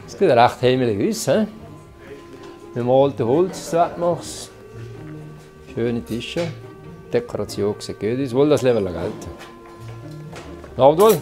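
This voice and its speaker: A man in his sixties with a Swiss German accent hosts a restaurant test as casual on-camera chat, walking around first outdoors in a mountain village and then through hotel rooms. His mid-range, slightly mellow voice has lively intonation and a measured pace with long pauses, and his remarks are blunt, teasing, and grumbling. Faint music plays behind him.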